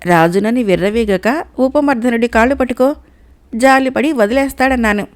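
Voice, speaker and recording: A woman voicing a cunning male crow minister who speaks in a calm, pleading way, in a read-aloud fable. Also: fairly high pitch, normal speed, close to an everyday voice. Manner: pleading, storytelling tone.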